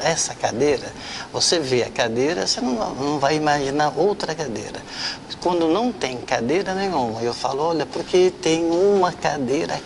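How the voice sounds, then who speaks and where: A man's voice: mid-range voice, noisy background. A man giving an explanatory interview.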